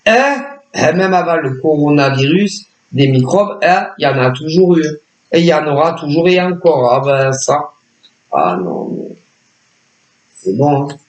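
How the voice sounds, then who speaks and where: Slow, hesitant man in an echoey room. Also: fairly high pitch, expressive. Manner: hesitant, repetitive, full of filler words. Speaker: psychic reader. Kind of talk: casual spoken tarot reading.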